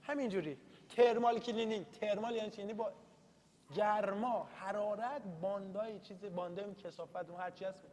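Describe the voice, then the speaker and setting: High-pitched and darkish, his delivery stays fairly even as he chats through an informal study session, making jokes at his own expense and reading English terms aloud. Faint noise sits under the echo of the classroom.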